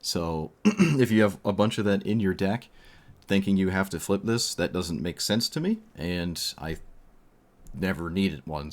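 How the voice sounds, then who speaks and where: A man streaming a card game, thinking aloud in casual commentary while losing his voice. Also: low voice.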